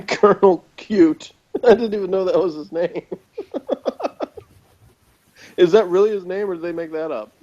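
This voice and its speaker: A man with a high, slightly mellow voice chats casually as a podcast reviewer, speaking sardonically at a measured pace with long pauses. The audio is slightly dull and lo-fi.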